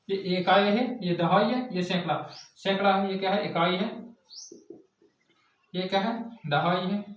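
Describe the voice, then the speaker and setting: High-voiced male teacher, echoey room. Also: a bit bright. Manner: repetitive, drilling questions and answers. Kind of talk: classroom math lesson. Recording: echoey distant lo-fi classroom recording.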